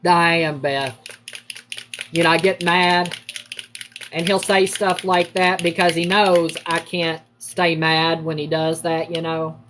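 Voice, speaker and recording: A middle-aged woman tells family stories to her livestream viewers while she works on a craft project. Her voice sits a little low, and she talks in a casual, lively way, jumping up in pitch when she acts out other people. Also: slow, a little hiss or hum. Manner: lively, acts out quoted family members with big pitch jumps.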